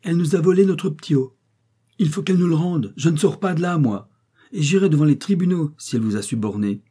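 A man voicing a coarse, sharp-tongued old peasant woman in an audiobook, indignant and harsh. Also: medium pitch, brisk, slightly rough, pitched above the performer's own voice, close to an everyday voice. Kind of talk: audiobook character voice.

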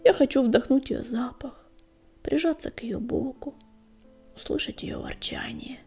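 A woman reading a storybook and voicing an anxious, grieving young female healer cat in a hushed, breathy voice. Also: high voice, measured pace, in a whisper, faint music behind, full character voice.

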